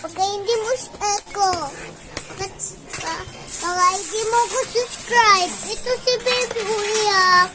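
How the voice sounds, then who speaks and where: A woman's voice: very high voice, slow pace. A young girl with missing front teeth and a slight lisp, chatting casually to viewers as a child vlogger. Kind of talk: casual vlog chat to viewers. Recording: music over the voice. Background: loud music.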